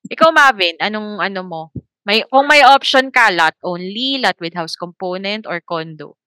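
Bright-voiced woman explaining casually. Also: mid-range voice, animated, dry recording. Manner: explanatory, quick to laugh. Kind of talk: casual chat.

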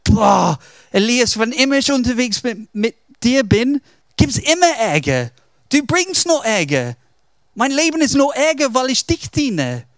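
Brief: man playing a frantic young servant, high and pleading, griping at his master, with a dry close sound. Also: very animated, measured pace, no room sound, exaggerated voice. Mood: despairing, accusing. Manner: exasperated, accusing. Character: desperate young male servant, panicked and complaining.

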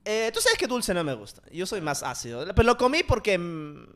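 Animated young man telling stories. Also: high-pitched, fairly quick. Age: 20s. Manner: animated storyteller, laughs often, acts out quotes. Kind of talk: casual chat.

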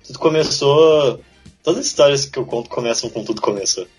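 A young man from southern Brazil talks as a podcast guest in a husky voice of middling pitch. He sounds relaxed and modest, with faint music in the background. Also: fairly quick. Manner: relaxed, modest, laughs easily. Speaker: illustrator guest. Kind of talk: casual interview chat.

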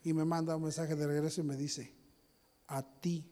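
A man preaching a sermon as a pastor, telling stories, acting out what people said and building to loud peaks. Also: a little high, flat delivery, normal speed, background noise. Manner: storytelling, acts out quotes, rises to shouting peaks.

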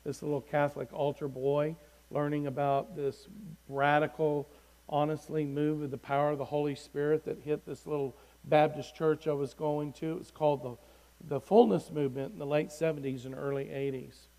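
A middle-aged man gives his testimony from the pulpit in a somewhat high voice. He talks earnestly and swells to a near shout when he reads scripture aloud. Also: flat delivery, moderate pace, rough recording. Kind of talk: testimony sermon.

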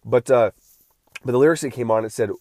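This late-thirties podcast host speaks a little fast in a mid-range, dark-toned voice, with no echo. Alone on his casual show and still getting over being unwell, he rambles, restarting sentences and using lots of fillers.

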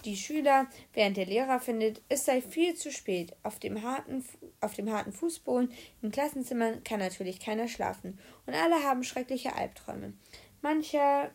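A woman reads a children's audiobook aloud with lively, humorous timing. Her voice sits fairly high with a noticeable gravelly fry. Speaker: narrator.

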